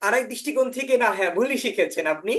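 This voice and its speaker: With an animated voice on the high side, a Bangladeshi woman leads an online orientation as a spoken English teacher. She often pauses on "ah" and demonstrates pronunciation by repeating words slowly.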